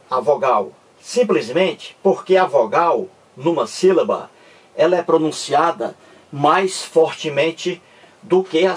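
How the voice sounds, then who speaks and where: A male teacher explains a grammar point slowly and patiently, his voice lively in pitch and a little husky. He keeps checking that his listeners follow, and he sounds distant from the microphone. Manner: slow, repetitive, checks understanding with the class. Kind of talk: grammar lesson.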